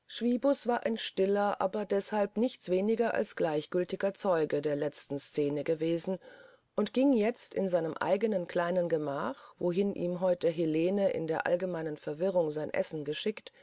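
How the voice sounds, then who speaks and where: Audiobook narrator, measured literary reading, mellow voice, dry close sound. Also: medium pitch, no echo.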